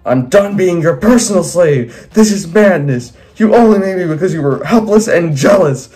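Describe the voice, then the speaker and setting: A man voicing a vengeful male robot servant who yells and mocks. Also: a little high, lively intonation, moderate pace. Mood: furious. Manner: mocking, yelling.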